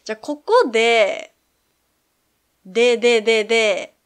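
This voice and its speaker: A woman's voice: a little high, slow pace, clean tone. A woman who streams games, reading the narration aloud and chatting casually about it. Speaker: let's play streamer. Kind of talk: reading a game aloud with commentary.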